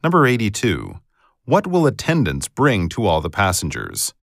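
A male narrator reads scripted test questions in a formal manner, enunciating carefully. His voice is fairly low with vocal fry, and his pitch swoops wildly in strongly varied intonation at a moderate pace. The recording is dry and close, with no room sound.

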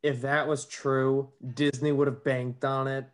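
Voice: medium pitch, level tone, a little slow. A podcast co-host chatting about movies in a joking, teasing way. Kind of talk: casual movie discussion.

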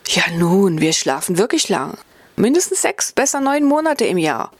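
A woman's voice: medium pitch, big pitch swings, normal speed, darkish tone, no room sound. A woman voicing a jolly, teasing male marmot from the Swiss mountains in a storybook reading, recorded dry and close. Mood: jovial. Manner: playful, teasing, fond of food and fun.

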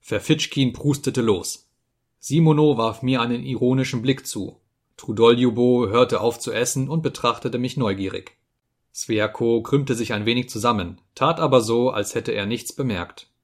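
Male audiobook reader, measured literary narration, mid-pitched.

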